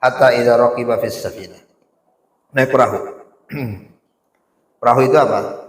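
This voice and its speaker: A man's voice: mid-range voice, moderate pace. A man preaching a casual sermon, telling stories with rhetorical questions to the audience and reciting Arabic. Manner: colloquial speech with Arabic recitation. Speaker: Islamic preacher. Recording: echoey hall reverb.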